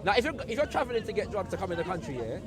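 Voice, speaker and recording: Insistent fast-talking man in park debate. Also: high voice, very animated. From Jamaica. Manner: insistent, interrupting, repeats himself. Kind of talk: street debate. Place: outdoors in a busy park. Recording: outdoor crowd noise around.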